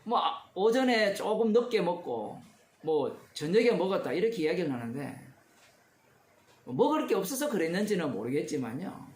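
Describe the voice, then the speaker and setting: In a church, a male pastor delivers a conversational expository sermon, putting questions to his congregation as he unpacks the text. His voice is high and very animated, moving at a moderate pace, and the sound is roomy.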